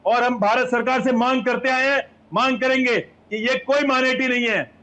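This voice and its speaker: A man with a strikingly high voice, combative and relentless, hammering the same points over and over. He shouts down the other panelists in a heated televised debate. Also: steady tone, normal speed, poor audio.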